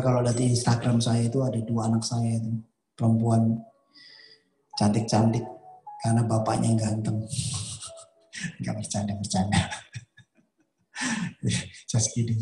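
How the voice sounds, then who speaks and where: Emphatic preacher man, roomy echo. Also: medium pitch. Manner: storytelling, building to emphatic near-shouts; mixes in English words. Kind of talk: sermon.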